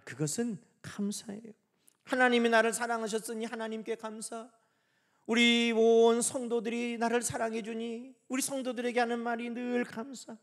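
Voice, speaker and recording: A male pastor preaching a sermon, asking the congregation questions and dropping to hushed, whispered asides. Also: very high-pitched.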